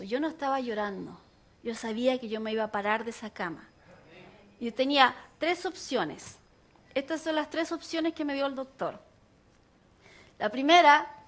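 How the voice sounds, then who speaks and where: Telling a personal story during her sermon, a high-voiced woman pastor gets animated and performs the voices of the people involved.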